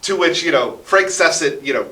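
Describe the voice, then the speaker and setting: A bright-voiced man, somewhat high-pitched with lively intonation, tells animated stories at a moderate pace as an interview guest. He produces radio drama, loves local history, speaks emphatically and often asks "right?". The radio studio recording is roomy, echoing and distant from the mic.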